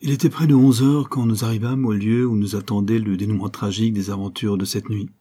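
Guy reading an audiobook, measured and steady, husky low-key voice. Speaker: audiobook narrator. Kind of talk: scripted audiobook narration.

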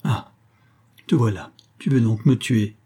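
A man's voice: medium pitch, steady tone, normal speed, mellow, husky, close to an everyday voice. A man reading a trembling, desperate society woman who pleads with her lover. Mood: pleading. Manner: trembling, imploring, rising to outbursts.

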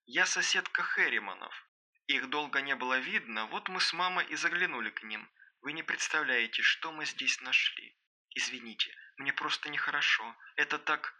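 A man voicing a frightened teenage girl on the phone, speaking in a hushed, shaken near-whisper. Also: fairly high pitch, lively intonation, fairly quick, pitched above the performer's own voice, heavily acted.

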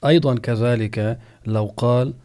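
Measured man teaching religious law. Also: mid-range voice, steady tone, a little mellow. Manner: slow, deliberate explanation, stretching out example words. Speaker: Islamic scholar teaching jurisprudence. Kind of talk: religious lesson, question-and-answer.

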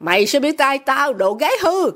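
A woman reading the part of a furious, greedy middle-aged businessman father, shouting and contemptuous. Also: high voice, very animated, moderate pace, pitched above the performer's own voice. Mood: raging.

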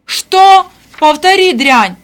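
A woman reading an audiobook voices a domineering middle-aged mistress who shouts and scolds harshly. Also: high-pitched, a little fast, voice pushed up. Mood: shouting furiously.

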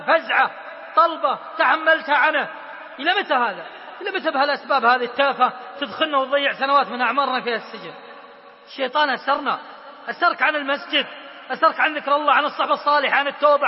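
A man preaching an impassioned sermon. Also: very high-pitched. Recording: lo-fi recording with long reverb.

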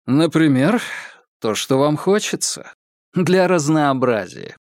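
A man voicing a calm young man with a dry, mocking manner in an audiobook. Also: a little high, takes it slowly, no echo, full character voice. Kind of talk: audiobook character voice.

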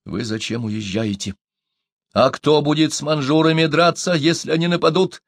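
Man voicing a hot-tempered young hunter, indignant, heated, higher and louder, dry close sound. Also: fairly even intonation, moderate pace, no room sound.

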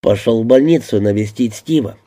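A man's voice: medium pitch, brisk, mellow, natural voice. A man reading an audiobook voices a laconic male detective who answers in short, offhand replies.

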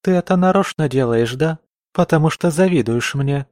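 A man voicing a tearful, petulant young noblewoman who whines, sobs and flares up quickly. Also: on the high side, a little mellow, no echo, clean studio sound, pitched above the performer's own voice, natural voice. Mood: sulky. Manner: whiny and sobbing, quick to anger.

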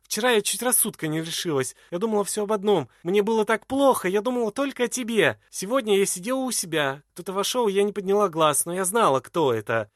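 A man reading an audiobook, voicing a passionate young woman who pleads urgently and nearly shouts. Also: sits high, expressive, fast, hardly any pauses, no echo, studio quality, pitched above the performer's own voice. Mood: passionate pleading. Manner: emotional, urgent, near-shouting. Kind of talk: audiobook character voice.

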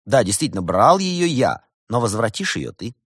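A man's voice: mid-range voice, very animated, normal speed, a bit bright, breathy edge, no echo, clean studio sound. A man voicing a brash young man who mocks his friend in a cocky tone. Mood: teasing. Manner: cocky, mocking.

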